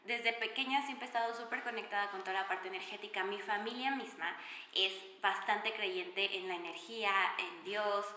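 A young Mexican woman with a bright, clear voice talks through her personal story on her podcast, chatty and enthusiastic with plenty of fillers. Her voice rings in an echoey room with a long reverb tail. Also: medium pitch, normal speed, slight background noise. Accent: Mexican Spanish. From Mexico City. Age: young adult. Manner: chatty, warm-hearted and enthusiastic, many fillers. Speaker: podcast host.

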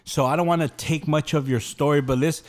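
A man's voice: a little high, fairly even intonation, a little fast. A man hosting a podcast, asking long, rambling questions full of restarts. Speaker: podcast host. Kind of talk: casual interview talk.

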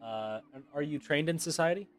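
A man narrating a tabletop game as game master, halting with frequent pauses. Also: on the high side, soft background music.

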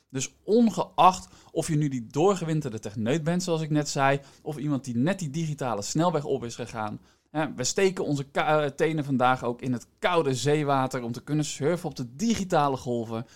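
Man hosting a podcast over music. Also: on the high side. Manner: explanatory, addresses listener directly, rhetorical questions. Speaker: podcast host. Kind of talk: semi-scripted podcast narration.

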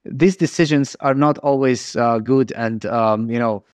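A man's voice: mid-range voice, a little slow, a little mellow, clear, resonant tone, no echo. A man with a Ukrainian accent hosting a casual conversation in non-native English phrasing.

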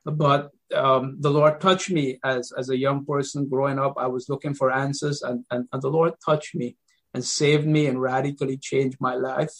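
Halting, gravelly middle-aged pastor from Guyana. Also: male voice, medium pitch, little pitch movement. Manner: hesitant, many ums, repeats words. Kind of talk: interview guest telling his life story.

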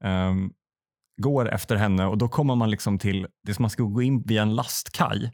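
A man telling a comic story in a deadpan way, acting out other people in quick quotes. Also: fairly low pitch. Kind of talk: comedic storytelling chat.

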